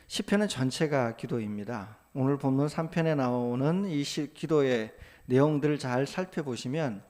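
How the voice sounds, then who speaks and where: A male pastor preaching a sermon, moving from calm teaching into loud, impassioned spoken prayers. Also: mid-range voice. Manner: rises to loud impassioned voiced prayers, then drops back to calm teaching.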